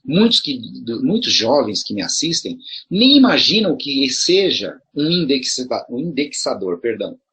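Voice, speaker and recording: Middle-aged Brazilian man, very raspy voice, mid pitch, chatty explainer full of rhetorical questions. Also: very animated, unhurried, sharp tone. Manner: conversational, rhetorical questions, frequent restarts. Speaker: video commentator addressing promoters. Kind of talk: casual explanatory monologue.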